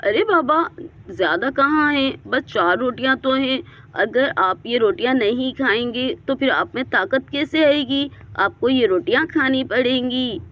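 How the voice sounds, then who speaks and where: A woman voicing a kind, poor young girl who gently pleads with an old man and takes him home. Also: sits high, a little slow, highs cut off. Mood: coaxing.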